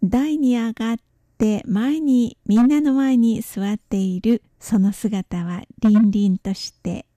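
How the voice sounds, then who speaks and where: A woman teaching Chinese words in a calm radio lesson, slowly spelling out pronunciation and tones. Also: a little high, no echo, studio quality. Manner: slow, careful, spells out pronunciation.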